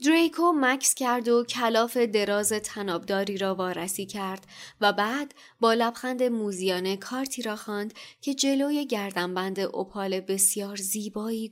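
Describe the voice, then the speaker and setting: A woman reading a novel aloud in measured storybook narration. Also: mid-range voice. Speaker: reader.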